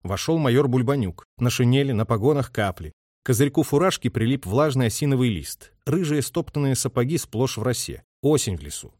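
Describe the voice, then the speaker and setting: A man reads narration at a medium pitch, steady and even. The voice is dry and close to the mic. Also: dry recording. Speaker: audiobook narrator. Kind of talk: scripted narration.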